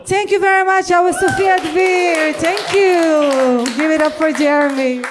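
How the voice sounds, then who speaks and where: A woman's voice: very high voice, a little slow, a crowd in the background, noisy background. A middle-aged woman performing a stand-up comedy set on a club stage, brash and crude, acting out quotes.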